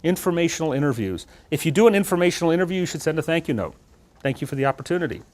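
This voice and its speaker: In a lecture room before a student audience, a fast-talking middle-aged man delivers an energetic talk on job interviews as a guest speaker. His voice runs on the high side, and he gestures animatedly while quizzing the audience.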